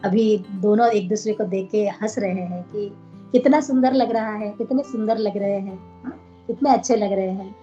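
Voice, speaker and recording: Mellow woman telling a devotional story. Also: medium pitch, moderate pace, soft background music. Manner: storytelling with tag questions. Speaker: devotional teacher. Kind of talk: devotional storytelling and scripture reading. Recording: dull lo-fi recording.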